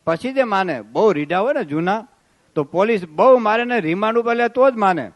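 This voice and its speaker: A man's voice: high-pitched, expressive, moderate pace. A man giving a devotional sermon as a swami, telling stories and breaking into sung verses. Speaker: swami giving a religious discourse.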